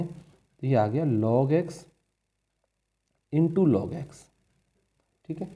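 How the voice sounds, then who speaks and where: A man teaches calculus to students, posing questions and answering them himself. His voice is deeply mellow and warm, at a middling pitch. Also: muffled recording. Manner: step-by-step, asks and answers his own questions; calls students "बच्चे" and "भाई". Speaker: maths teacher. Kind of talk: board-exam maths lesson.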